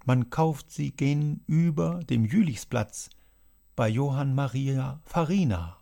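A man voicing an agitated male writer who loudly reads out a letter in a dramatized audiobook. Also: medium pitch, animated, takes it slowly, vocal fry. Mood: declaiming. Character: agitated male literary man announcing news.

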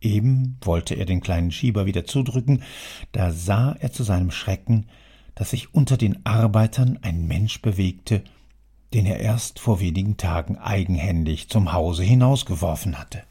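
A man narrating classic prose in an audiobook with a measured storytelling manner and a gravelly, husky voice. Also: deep voice, mellow.

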